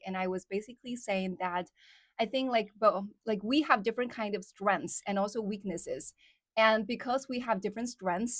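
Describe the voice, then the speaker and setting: A livestream host whose first language is Chinese chats with viewers in English with an American Midwest accent, her medium-pitched voice recorded dry. She's talkative, laughs often, and fills her speech with words like "like" and "somehow."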